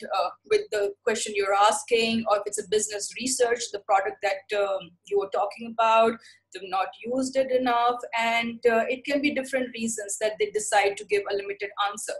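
A woman with an Indian English accent giving an online lecture, explaining quickly with many fillers, over a video call. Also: on the high side, rough recording. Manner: fast-paced explanatory talk with many fillers. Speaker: webinar presenter.

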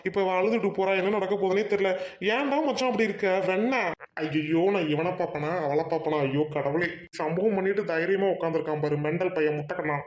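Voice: medium pitch, fast, a little mellow, lightly acted. A performer voicing a young college man, an exasperated and teasing buddy who talks in slang. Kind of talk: Tamil audio drama acting.

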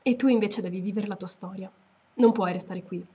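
A woman voicing a wise, solemn male lion in a read-aloud story, speaking in a grave, measured way. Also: mid-range voice, dark tone, breathy edge, lightly acted.

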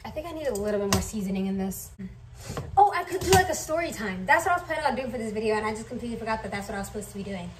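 Very fast and lively, her voice a little high, a young woman from a Somali family rambles with many fillers while cooking in her home kitchen for a casual vlog. It's recorded noisily on a camera mic sitting at a distance on the counter.

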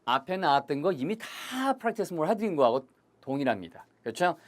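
A language teacher giving a recorded video lesson in a lively way, often checking that viewers are following. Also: medium pitch, fairly quick, noisy background. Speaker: English teacher.

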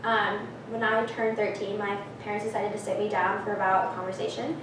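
A late-teen student from Peru gives an earnest class presentation, full of ums and restarts, captured by a far camera in a classroom with a projector screen. Her mid-range voice has little pitch movement and a brisk pace, with heavy reverb and background noise.

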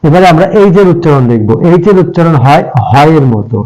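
A man with a slightly high voice walks children through letter sounds. He speaks patiently and spells out each example word letter by letter, then repeats it. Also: lively intonation, fast, warm tone, highs cut off. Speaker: English pronunciation teacher. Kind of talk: step-by-step spoken lesson for children.

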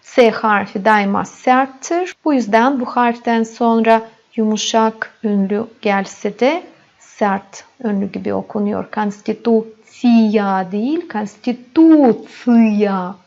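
A woman teaching a language lesson, repeating words slowly and addressing her students as friends. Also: a little high, creaky, a little mellow. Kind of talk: slow classroom explanation. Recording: dull lo-fi recording.

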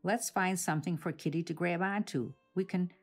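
A woman reading a storybook aloud, voicing a gentle, friendly little male brown bear who speaks simply and cozily. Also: fairly low pitch, moderate pace, faint music behind, lightly acted.

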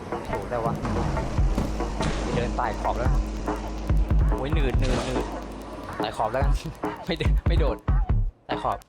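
A man giving casual let's-play commentary, excitable, firing off rapid repeated words when he panics and cursing at himself. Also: mid-range voice, over loud music. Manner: swears and scolds himself. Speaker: gaming YouTuber.

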